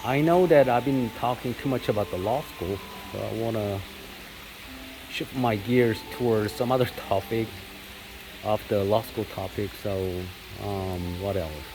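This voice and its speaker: Against a backdrop of steady rain, a Korean-born vlogger talks to camera in an unhurried, low-ish voice. Korean is his first language, and his casual chatter rambles, with many fillers and corrections of himself.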